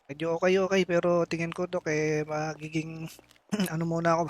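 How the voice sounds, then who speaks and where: A man's voice: fairly high pitch, little pitch movement, normal speed, slight background noise. A man playing a town mayor in a voice-chat role-play, talking in a bossy, commanding way. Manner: bossy and commanding, snaps when challenged. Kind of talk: in-character role-play over game voice chat.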